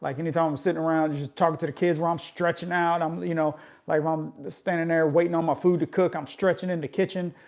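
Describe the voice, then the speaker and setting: A fitness vlogger in his forties, his voice slightly higher than most men's, a little mellow and with little pitch movement, chats casually with his live viewers. He sounds loose and conversational like a friendly coach, often closing points with a quick "right?"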